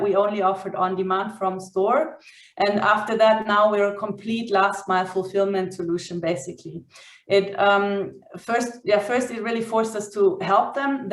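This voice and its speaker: A woman from Austria, a startup co-founder, speaking on a panel in a brisk, practical way with frequent fillers. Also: mid-range voice, roomy sound. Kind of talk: panel talk.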